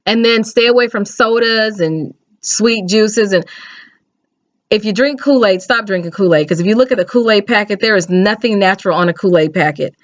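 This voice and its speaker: A woman's voice: mid-range voice, moderate pace, dry recording. A middle-aged American woman chatting casually to camera, giving plain-spoken, instructive advice straight to the viewer. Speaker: video blogger. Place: small indoor home room. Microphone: webcam or laptop mic at arm's length. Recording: dull lo-fi webcam audio.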